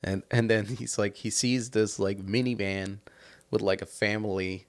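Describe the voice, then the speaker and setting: Low gravelly philly guy, young, rambling stories on a podcast, lots of restarts. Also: fairly even intonation, normal speed. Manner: rambling storyteller, many restarts. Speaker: podcast host. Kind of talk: casual chat.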